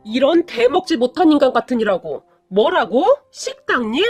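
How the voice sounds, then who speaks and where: Brief: a hot-tempered, cunning middle-aged mother, voiced by a female narrator, blunt and commanding, with lively pitch swings. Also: normal speed, faint music behind. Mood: furious.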